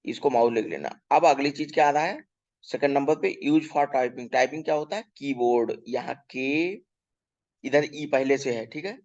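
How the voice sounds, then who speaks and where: In a medium-pitched, darkish voice, a male teacher leads young pupils through a workbook lesson, with the recording's highs cut off. He reads the English questions slowly and explains them in Hindi, spelling words letter by letter and frequently checking "ठीक है".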